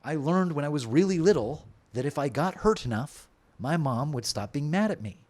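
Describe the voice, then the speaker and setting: A man's voice: fairly high pitch, lively intonation, moderate pace, darkish tone. A man as a podcast guest in casual conversation, talking openly and reflectively with many filler words.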